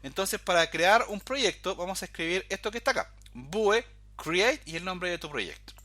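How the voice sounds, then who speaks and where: This coding instructor has a high, animated voice, pushed and bright, at a moderate pace in a dry recording. He explains each step of his screen-recorded programming tutorial and often says "fíjate" to direct attention to details.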